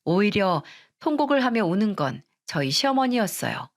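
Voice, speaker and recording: A woman's voice: medium pitch, sing-song, moderate pace. A woman narrating a first-person story in an earnest, confessional way.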